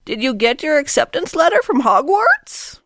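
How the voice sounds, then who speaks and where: A man's voice: extremely high pitch, very animated, moderate pace, sharp tone, no room sound, clean studio sound, pitched above the performer's own voice, exaggerated voice. A man voicing a kindly, fussy old woman neighbor in an audiobook, with a doting manner. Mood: curious. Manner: doting, fussing. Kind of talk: audiobook character voice.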